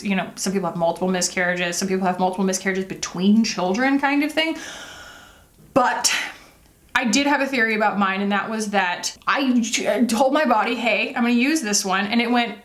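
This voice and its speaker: A woman's voice: medium pitch, a bit bright. A woman beauty vlogger talking casually and confessionally, in a candid, empathetic way with emphatic asides. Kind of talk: casual confessional chat while doing makeup.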